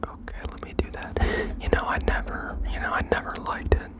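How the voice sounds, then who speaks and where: An ASMR host whispering as if sharing a secret, reading out listeners' confessions and adding playful asides in a gentle way. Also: fairly quick.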